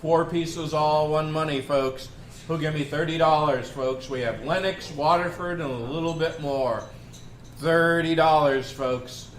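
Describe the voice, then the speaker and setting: A man's voice: a little high, steady tone, unhurried. A man working as an auctioneer, calling out bids in repeated phrases with folksy banter in between. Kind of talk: auctioneer calling bids, repetitive chanting of prices. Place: indoor auction room. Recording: echoey room with faint background noise.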